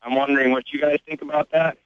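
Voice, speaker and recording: A man's voice: a little high, level tone, quick pace, smooth, no room sound. A man calling in to a radio show on speakerphone from home, asking a question hesitantly with many fillers. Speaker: caller. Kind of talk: call-in question. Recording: dull speakerphone call.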